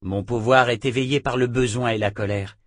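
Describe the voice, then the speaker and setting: A man voicing a resolute young swordsman who explains calmly. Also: mid-range voice, a little fast, dry recording, clean studio sound, close to an everyday voice.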